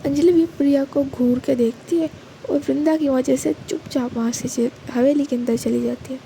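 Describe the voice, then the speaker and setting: A woman's voice: sits high, mellow, slight background noise, rough recording. A woman narrating a romance story and voicing its characters, in casual Hindi mixed with English words, with restarts and self-corrections.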